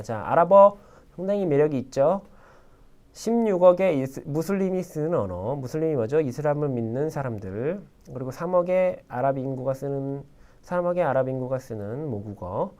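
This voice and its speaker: A male language instructor giving a recorded video lecture. His pitch rises and falls a lot as he explains step by step, prompting the viewer often. He writes with a pen while he talks. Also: brisk. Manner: lively explanatory teaching, frequent "자" prompts.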